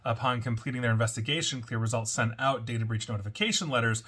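A man's voice: medium pitch, fast, sharp tone, breathy edge. A man hosting a weekly cybersecurity news roundup, reading reports and adding wry, sardonic asides. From United States. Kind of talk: scripted news commentary with asides.

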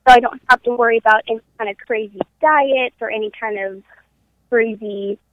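A podcast guest in her twenties phones in by conference call from her parents' house, upbeat and frank in a relaxed interview. She speaks fairly quickly in a steady voice on the high side, and the tinny line comes through dry.

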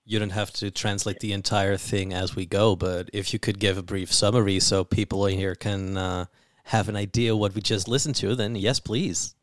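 A man with a low, flat, smooth voice asks interview questions, measured and gently probing. He is recorded dry and close, with a clean tone. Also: no room sound.

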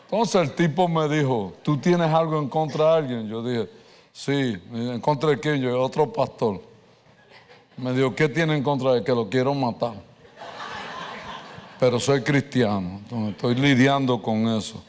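Man, pastor preaching, lively storyteller, mid-pitched voice, long hall reverb. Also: measured pace, a little hiss or hum. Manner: animated storyteller, mixes English words. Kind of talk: sermon with personal story.

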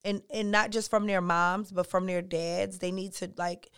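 A woman speaks with animated emphasis in casual conversation. She swears freely, and her voice is recorded close and dry. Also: lowish voice, moderate pace, clean tone, no room sound. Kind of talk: casual opinionated chat.

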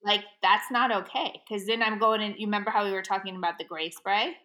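A woman in her forties co-hosting a podcast, telling animated stories with frequent laughs. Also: medium pitch, brisk. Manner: animated storyteller, laughs often. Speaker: podcast co-host. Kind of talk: casual chat.

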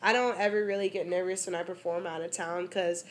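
Animated young woman telling stories with laughter. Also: on the low side, a little fast, a little hiss or hum. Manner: animated storytelling, frequent laughter and swearing. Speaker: rapper and DJ guest. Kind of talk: casual interview chat.

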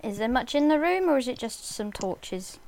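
A woman playing a tabletop game in a relaxed, offhand way. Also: a little high, moderate pace. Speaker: player. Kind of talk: casual tabletop play.

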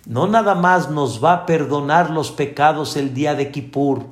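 A man giving a sermon as a rabbi, explaining slowly and speaking straight to his listeners. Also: a little high. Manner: slow, explaining, addresses listeners directly. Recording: echoey room.

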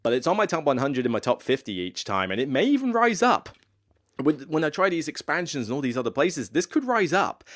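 Animated man rambling about board games. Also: mid-range voice. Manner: rambling, self-correcting, animated. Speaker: board game reviewer hosting his own show. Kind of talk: casual solo talk.

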